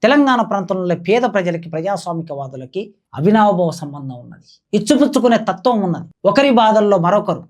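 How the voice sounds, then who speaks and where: A woman's voice: mid-range voice, sing-song, fast, darkish tone. A woman giving impassioned spoken commentary, declaiming and piling up rhetorical questions like a political commentator.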